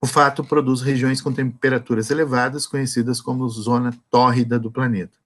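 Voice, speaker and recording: A man's voice: medium pitch, flat delivery, a little fast. A male teacher explains a geography lesson and often checks in with the class. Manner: explanatory, frequent "tá?" and "né?" check-ins.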